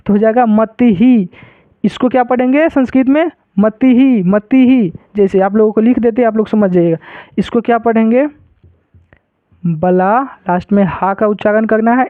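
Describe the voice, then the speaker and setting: High-voiced male teacher, tinny. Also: no room sound. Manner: repetitive, keeps checking students follow. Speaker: Sanskrit teacher. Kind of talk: classroom-style lesson explanation. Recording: dry, tinny phone-like sound.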